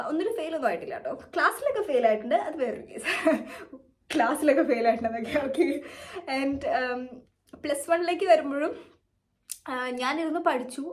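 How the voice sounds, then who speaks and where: Fast-talking young Malayali woman vlogger. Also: sits high. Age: young adult. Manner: chatty, rambling, mixes English words in. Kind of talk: casual storytelling to camera.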